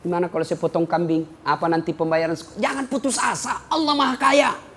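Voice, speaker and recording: A man preaching a sermon to a gathering, swinging from loud outbursts to low asides. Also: a little fast.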